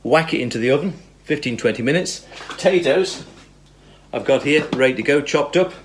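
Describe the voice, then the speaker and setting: A man's voice: on the high side, lively intonation, normal speed. A British man casually talking through his cooking in a chirpy, enthusiastic way, full of tag questions and little asides, recorded at home on a phone. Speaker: home cook presenting a recipe video. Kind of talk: casual chat while cooking. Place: home kitchen, filmed on a phone. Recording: clear background noise, kitchen clatter.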